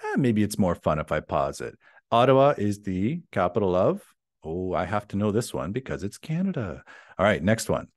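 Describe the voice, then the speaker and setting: A man's voice: lowish voice, big pitch swings, normal speed, no room sound, studio quality. A man teaching an online English lesson, chatty and encouraging, reading example sentences aloud one by one. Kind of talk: online class lecture.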